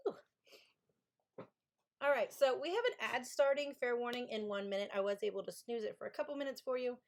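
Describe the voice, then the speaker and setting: Her voice sits a little high and moves briskly as this author, streaming writing sprints, talks about her books. She's a woman from Kentucky with a Southern accent, chatty and casual, reading viewer comments aloud and thanking people as they come in.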